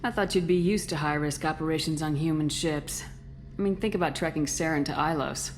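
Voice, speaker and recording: An actress playing a calm, firm, supportive military commander in a video game. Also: female voice, sits low, brisk, a little hiss or hum, close to an everyday voice. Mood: warm, probing. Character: steady, supportive human female military commander.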